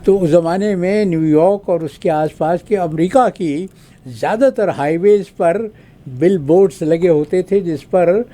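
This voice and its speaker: Older man, measured and formal. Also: sits high, mellow. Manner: measured and formal, pausing with drawn-out fillers. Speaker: guest analyst, retired diplomat. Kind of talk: formal spoken commentary.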